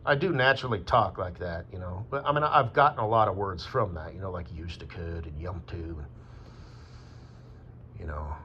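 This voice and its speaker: A man's voice: low voice, moderate pace, a little hiss or hum. A man from Wyoming talking in a rambling, casual monologue, meandering with fillers and swearing. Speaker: vlogger. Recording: dull lo-fi with faint ambience.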